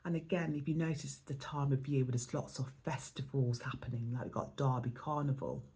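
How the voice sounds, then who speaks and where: An English woman with a hoarse, fading voice gives an oracle card reading for her spiritual vlog, musing and rambling as she goes. Her voice is very deep and dark, with fairly even intonation and a brisk pace.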